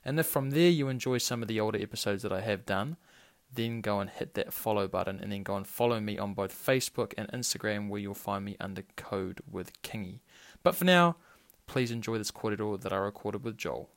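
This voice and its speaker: A man's voice: fairly low pitch, a little fast, no echo. A young man with a New Zealand accent reading a podcast introduction as its host.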